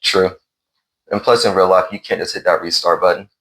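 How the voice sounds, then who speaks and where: A man's voice: low voice, steady tone, fairly quick, a bit bright. A man hosting a casual gaming conversation, asking questions and teasing his friend in a laid-back way. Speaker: podcast host.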